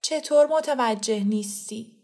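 A sharp-tongued middle-aged mother, as a woman reader plays her in a storybook reading. Her voice sits a little high, and she argues hotly in defence of her child. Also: lively intonation. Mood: sad. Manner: heated, quick to defend.

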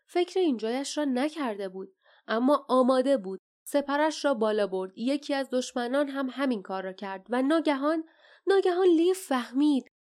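A woman narrating an audiobook in a steady, dramatic storytelling manner. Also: fairly high pitch. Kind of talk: scripted narration.

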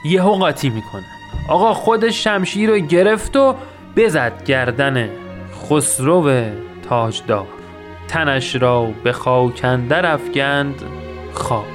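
A man's voice: mid-range voice, expressive, music in the background. A man hosting a podcast who retells an old epic in casual, joking speech and recites verse lines between the storytelling. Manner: colloquial and joking, mixes slang with chanted epic verse. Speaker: podcast host retelling the Shahnameh.

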